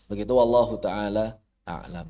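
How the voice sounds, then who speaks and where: A man's voice: lowish voice, fairly even intonation, dark tone. Indonesian man teaching Quran recitation. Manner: demonstrates sounds with drawn-out syllables, asks and answers his own questions; casual, mutters to himself while fixing slides. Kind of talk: online tajwid lesson.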